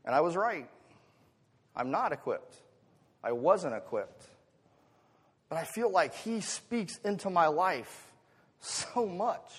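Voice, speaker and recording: Slow and full of long pauses, an American man with a fairly high, breathy-edged voice and lively intonation gives a sermon. As a pastor would, he poses rhetorical questions, drifting between chatty asides and emphatic swells, with long reverb from a big hall.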